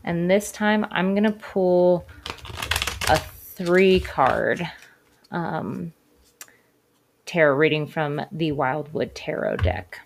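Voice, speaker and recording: A woman hosting a casual spiritual talk and tarot reading, speaking in a gently encouraging, hesitant, informal way. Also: fairly low pitch, expressive, slow pace, gravelly, pauses often, a little hiss or hum. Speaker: podcast host and tarot reader. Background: cards being shuffled at times.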